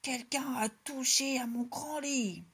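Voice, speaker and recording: A woman's voice: sits high, slow, breathy edge, voice pushed up, exaggerated voice. A woman voicing a big stern bear in a storybook tale. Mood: grumbling. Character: big gruff bear, head of house.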